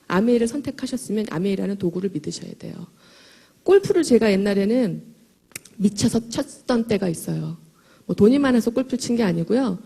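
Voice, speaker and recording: A middle-aged woman giving a lively, emphatic motivational talk to a live audience in a large hall, her voice a little hoarse and chatty, joking with the listeners as she goes. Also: mid-range voice. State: slightly hoarse. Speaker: motivational speaker at a sales event.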